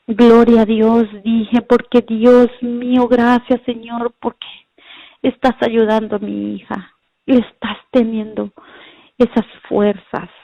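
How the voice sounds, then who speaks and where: Slow, earnest middle-aged woman testifying. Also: on the high side, flat delivery, creaky, no echo. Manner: earnest, prayerful, often calls listeners "brothers". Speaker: mother giving a faith testimony. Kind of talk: religious testimony. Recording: dull lo-fi recording.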